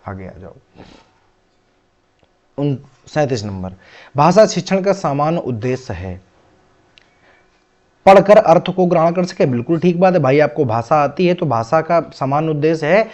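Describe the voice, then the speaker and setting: A man teaching an exam-prep class, his voice sitting a little high for a man. He keeps asking questions and then answering them himself, patiently walking through each point. The recording sounds dull and lo-fi. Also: big pitch swings, a little slow, pauses often, darkish tone.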